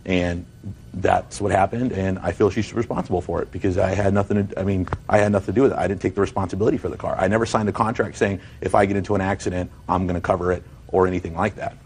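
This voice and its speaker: Very deep-voiced, fast-talking defensive man. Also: steady tone, a little mellow, slight background noise. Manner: rambling, repetitive, defensive. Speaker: defendant in a TV small-claims court. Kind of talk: spontaneous courtroom testimony. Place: TV courtroom studio.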